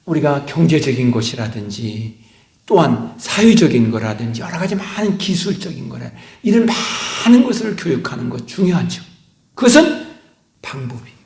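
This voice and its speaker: A middle-aged man delivers a sermon with a lively, wide-ranging pitch that sits a little high for a man. He swings from forceful emphasis down to near-whispers. The sound rings through a reverberant church sanctuary. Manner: dynamic preaching, swinging from loud emphasis to hushed whispers. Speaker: pastor. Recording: echoey church hall.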